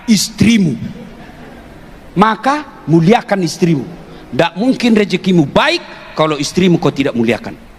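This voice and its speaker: A man preaching a humorous sermon to a live audience, animated and teasing, shouting out his punchlines. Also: high-pitched, measured pace, pauses often, in a large hall, slight background noise.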